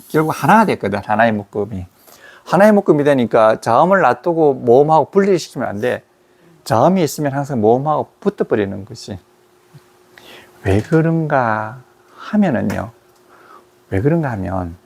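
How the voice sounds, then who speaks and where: Male pronunciation teacher, gravelly, stretches out example words. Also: medium pitch, darkish tone. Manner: repeats example words slowly, drawn out. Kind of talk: explaining and demonstrating pronunciation.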